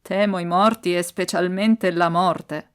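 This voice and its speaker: A woman's voice: lowish voice, fairly even intonation, measured pace, smooth, natural voice. A woman doing a fearful grave robber. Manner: hesitant, fearful.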